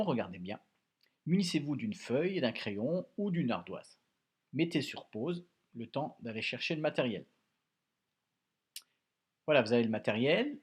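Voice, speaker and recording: A man teaching young children a dictation lesson at home, slowly and patiently spelling out syllables and sounds. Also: mid-range voice, slightly rough. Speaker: primary school teacher.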